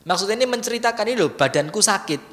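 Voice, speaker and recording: Lively high-voiced preacher. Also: male voice, very fast. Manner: lively, conversational, teasing listeners. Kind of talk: sermon. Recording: long hall reverb.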